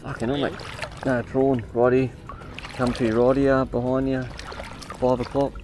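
A man's voice: medium pitch, moderate pace. A young man with an Australian accent, chatting casually and swearing a lot while prawning at night on a lake, filmed on a head camera. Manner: sweary and laid-back. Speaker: vlogger. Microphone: head-mounted action camera. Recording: outdoor camera with steady background noise.

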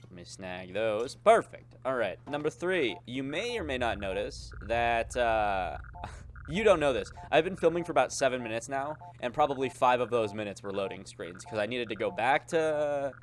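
Male gamer narrating his playthrough, animated and crude, with a faint hiss under the mic. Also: mid-range voice, normal speed. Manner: jokey, profane, rambling, talks to viewers. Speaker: gameplay commentator. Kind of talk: casual let's-play commentary.

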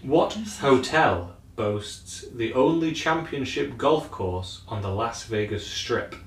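A man's voice: medium pitch, takes it slowly, far from the mic. Male quizmaster in an echoey room. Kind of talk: reading trivia questions aloud.

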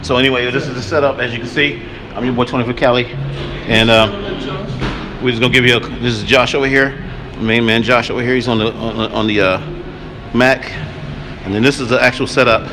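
A man's voice: medium pitch, steady tone, fairly quick, pauses often. A man in his forties giving a loose, chatty walkthrough of his streaming gear, repeating himself as he explains, recorded on a camera mic in a coffee shop at night. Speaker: vlogger showing his streaming setup. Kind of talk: casual walkthrough vlog. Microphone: camera-mounted mic, handheld then on tripod. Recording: noisy coffee shop ambience.

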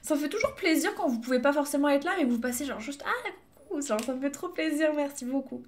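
Streaming a game live on Twitch, a young woman keeps up casual chatter, laughs, and thanks the people watching. She has a high-sitting voice and talks fast, over a slight hiss or hum.

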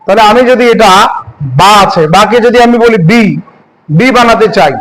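A man's voice: sits high, normal speed, a bit bright, slight background noise, low-quality recording. A man teaching Quran reading in a classroom lesson, asking questions and answering them himself, drawing out words as he recites. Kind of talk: classroom lesson on Arabic letters.

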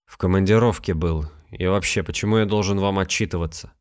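A man's voice: low voice, brisk, clear, resonant tone, close to an everyday voice. A man voicing a grieving, bewildered young husband in a storybook reading, with a terse, clipped delivery.

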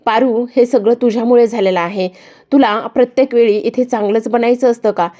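A jealous young woman loses her temper and fires sharp accusing questions, as a woman narrator reads her part. Her tone stays cutting and hostile. The voice stays close to the narrator's own. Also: fairly high pitch, steady tone, moderate pace, natural voice. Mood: angry accusing.

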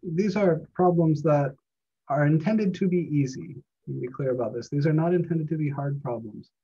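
A man teaching a college math class live online from home, relaxed and encouraging, with many fillers. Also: a little high, normal speed, creaky, slightly rough. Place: home, on a video call. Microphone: computer mic on a video call. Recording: dull lo-fi video call audio.

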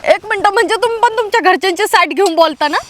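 A woman's voice: extremely high pitch, quick pace, fairly bright tone, a little hiss or hum. A woman playing a fed-up young daughter-in-law in a village comedy skit, arguing back at her in-laws and her husband. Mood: resentful. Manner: defiant, argumentative.

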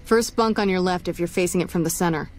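A woman's voice: on the low side, fast talker, soft background music, close to an everyday voice. A woman acting a dry, no-nonsense military policewoman. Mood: matter-of-fact. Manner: wry, matter-of-fact. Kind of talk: video game dialogue.

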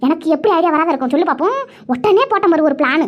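Shrill weepy village elder sister , woman voicing, quick and very high. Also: animated, highs cut off. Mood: indignant.

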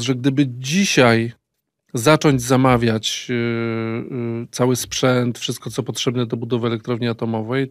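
A man in his thirties co-hosting a political podcast, speaking measured and hesitant, often pausing with fillers, on a studio desk mic. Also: medium pitch, dry recording. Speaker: political commentator co-host. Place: small dark padded studio. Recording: dry close studio sound.

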